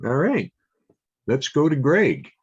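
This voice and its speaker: An older man leads a club meeting and reads out the news and dates in an average-pitched voice, full of ums and uhs. The sound is a little dull and lo-fi. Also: huge pitch swings, husky. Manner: halting, many ums and uhs. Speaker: meeting host.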